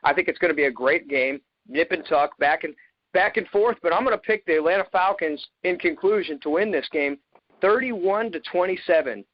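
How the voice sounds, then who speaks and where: A man with a fairly high voice chatting casually on a sports talk show, joking with the others and padding his points with ums. The sound is dry and dull, like a lo-fi recording. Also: moderate pace, no room sound. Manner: joking, filler-heavy.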